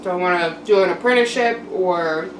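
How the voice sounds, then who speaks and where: A young adult woman giving a casual, candid personal monologue to camera in a reflective, halting way with frequent pauses. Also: on the low side. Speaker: mukbang vlogger. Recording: roomy echo, distant mic, background noise.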